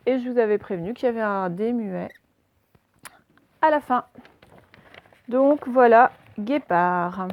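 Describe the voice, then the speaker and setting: Woman teacher slowly spelling out a dictation. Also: on the high side, no room sound, dull audio. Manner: slow, careful spelling-out of sounds and letters. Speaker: primary school teacher. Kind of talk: dictation lesson for children.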